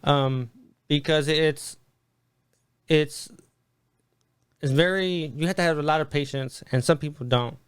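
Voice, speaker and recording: A man's voice: on the high side, unhurried, long pauses, clear, resonant tone, no room sound, studio quality. A middle-aged man, a podcast guest, telling stories animatedly and acting out quoted voices, with many restarts. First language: Spanish. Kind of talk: casual storytelling interview.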